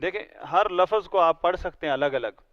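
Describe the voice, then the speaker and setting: A man's voice: sits high, no room sound, lo-fi sound. Patient man teaching a language class. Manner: patient, explains word by word and drills pronunciation. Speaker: Arabic teacher. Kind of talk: classroom grammar lesson.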